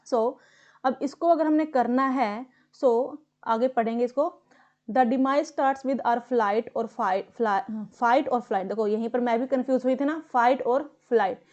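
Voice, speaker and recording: A woman's voice: a little high, darkish tone, lo-fi sound. A woman tutor explaining how to do well in a speaking test, in a coaching, instructional tone.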